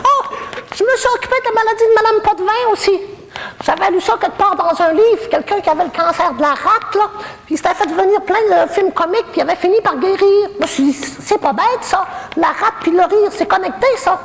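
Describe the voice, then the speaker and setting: A woman's voice: extremely high pitch, brisk, big-room sound. A woman with a Québécois accent playing a cheeky, bawdy old woman in a retirement home, in a stand-up comedy character monologue full of saucy, gossipy, self-mocking jokes. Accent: Québécois French.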